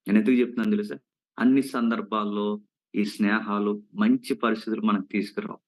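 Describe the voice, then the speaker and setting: A man's voice: on the low side, flat delivery, fast, rough recording. A man preaching to young people, telling a cautionary story with earnest repeated warnings and questions to the listeners. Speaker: youth preacher. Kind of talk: sermon storytelling.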